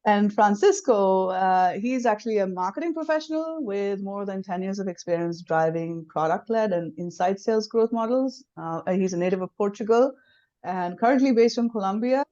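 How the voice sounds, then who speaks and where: A middle-aged woman hosting a live interview over a video call, introducing guests in a measured way with many fillers. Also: medium pitch, expressive, mellow. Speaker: host. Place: small home room. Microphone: webcam on a video call. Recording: dull lo-fi video call audio.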